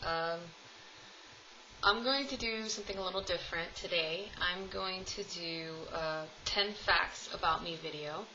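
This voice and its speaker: An American vlogger in her twenties chats casually to camera for a tag video, at home in a room with her cats. Her fairly low voice is bright and forceful, a bit slow, and she rambles with plenty of ums. The sound is lo-fi with slight background noise.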